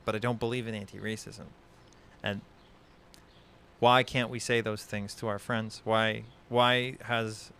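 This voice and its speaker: Guy venting on a stream, average pitch, cusses constantly, keeps restarting his sentences. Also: fairly bright tone, clean tone. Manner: frequent swearing, heated and exasperated; rambling with many restarts. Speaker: podcast host. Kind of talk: casual online discussion stream.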